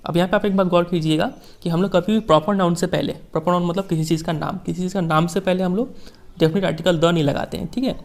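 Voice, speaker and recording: A young adult male teacher with an Indian accent, reading English lines slowly and explaining them in chatty Hindi with frequent check-ins. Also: sits high, steady tone, vocal fry. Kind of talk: Hindi-English class lecture explaining a text.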